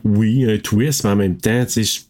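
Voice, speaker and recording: A man's voice: fairly low pitch, steady tone, moderate pace, darkish tone. A man with a Québécois accent, co-hosting a podcast and reading a story aloud in an easygoing way. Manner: easygoing, reads narration steadily. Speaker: podcast co-host and reader. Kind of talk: casual chat and reading aloud.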